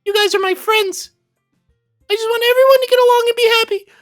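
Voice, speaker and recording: A man's voice: very high-pitched, steady tone, a little fast, a bit bright, faint music behind, voice pushed up. Sayori: a man doing a sweet, pleading schoolgirl. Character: sweet, cheerful, sensitive teenage girl. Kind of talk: visual novel voice acting.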